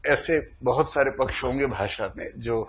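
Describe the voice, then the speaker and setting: A man's voice: medium pitch, moderate pace, fairly bright tone, slight background noise. A male teacher giving a classroom lecture in a medium voice. He talks in a playful, teasing way, quizzing the class and putting students on the spot.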